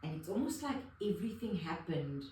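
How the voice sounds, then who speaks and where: A woman's voice: lowish voice, very animated, a little fast, darkish tone, a little hiss or hum. A middle-aged woman in a casual conversation, telling about her therapy journey in an emotional, rambling way full of restarts. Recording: very echoey room, distant mic.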